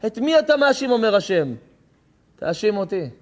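High-voiced rabbi preaching. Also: male voice, big pitch swings. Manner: impassioned storytelling, acting out dialogue, rising to shouts. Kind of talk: sermon.

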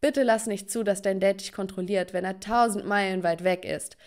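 A woman's voice: medium pitch, moderate pace, a little mellow, close to an everyday voice. A woman voicing a teenage boy, the narrator's casual, teasing boyfriend. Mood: affectionate. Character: teenage boyfriend, shifting and evasive.

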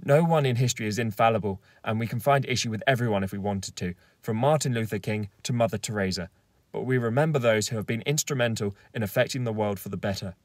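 This is a fairly low-pitched male voice moving at a quick pace, captured at studio quality without echo. The speaker, a young man in his twenties, lectures firmly and argumentatively through scripted political commentary while filmed at close range inside a car.

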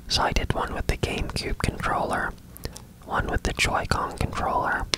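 A person whispering softly and casually in a breathy, unvoiced voice as an ASMR gaming host. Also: rough recording. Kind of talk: whispered ASMR game commentary.

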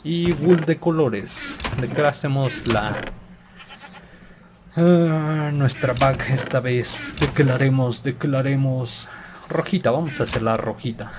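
A man's voice: medium pitch, takes it slowly, noisy background. A man hosting a gaming channel, playfully talking through his Minecraft session and humming sound effects. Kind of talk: Minecraft let's play commentary.

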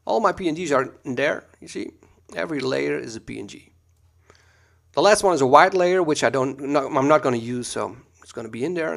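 A gravelly, mid-range voice belongs to this Dutch man with a Dutch accent, who leads a screen-recorded software tutorial. He talks in a relaxed, chatty manner full of ums and uhs, captured at a computer mic.

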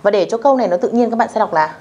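A woman teacher with a voice of middling pitch walks beginners through a language lesson. She is patient and repeats each phrase slowly. She keeps pausing to ask whether everyone has followed along. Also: warm tone, muffled recording, slight background noise.

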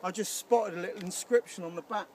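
Talking quickly in a high-pitched voice, an outdoor vlogger in his thirties chats to a handheld camera held at arm's length by a lake at a wild camp, with slight background noise. He keeps things upbeat but rambles, frequently saying um.

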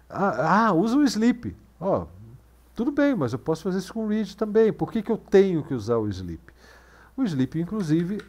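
A man's voice: a little high, dark tone. A man teaching a screencast programming lesson, thinking aloud with many fillers and self-corrections. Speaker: course instructor.

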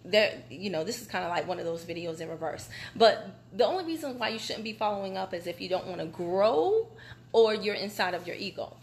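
A woman's voice: mid-range voice, gravelly, fairly bright tone, slight background noise. A woman, a small business owner chatting candidly on a live phone video while standing on a vibration machine, so her voice shakes as if she is talking into a fan. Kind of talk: casual live video talk. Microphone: phone camera.

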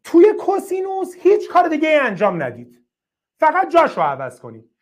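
A woman teaching a math class, repeating key points, urging students to answer fast and praising them with short exclamations. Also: high-pitched, huge pitch swings. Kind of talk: classroom lecture.

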